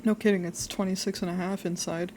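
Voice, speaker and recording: A woman's voice: on the low side, little pitch movement, fairly quick, a little mellow, slight background noise. A woman chatting casually on a livestream as host, in a cute, friendly anime-streamer manner that welcomes viewers. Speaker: livestream host, VTuber artist. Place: living room at home.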